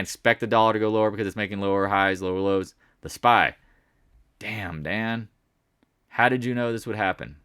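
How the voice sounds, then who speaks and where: Low-voiced man rambling through a market recap. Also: bright, forceful tone, smooth, no room sound, studio quality. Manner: rambling, self-correcting, jokey. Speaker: market commentator.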